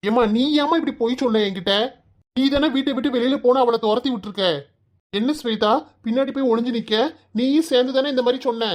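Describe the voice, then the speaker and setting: An exasperated young husband in a cartoon, played by a woman, with a Kanyakumari accent, who argues back and pleads with his family. The voice is a little high for a man and the talk runs quickly. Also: darkish tone, close to an everyday voice. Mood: accusing. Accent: Kanyakumari Tamil. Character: exasperated young husband, son caught in the middle. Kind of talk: comic cartoon voice acting.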